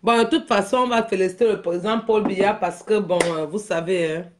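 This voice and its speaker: Hosting an unscripted live stream, a woman with a mid-range voice rants animatedly and briskly. She repeats herself and often laughs while talking, with slight background noise.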